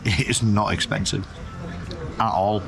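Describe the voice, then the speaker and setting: A lowish, gravelly voice with fairly even intonation belongs to this unhurried British food reviewer and vlog host in his thirties. He chats to camera in a slangy, emphatic way, repeating phrases for effect. Music plays in the background on the open-air roadside terrace, along with street noise and passing vehicles.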